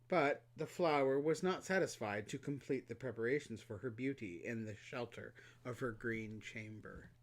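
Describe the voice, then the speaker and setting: A man reading a children's storybook aloud, expressive and animated, with playful asides. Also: mid-range voice, normal speed, few pauses. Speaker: reader.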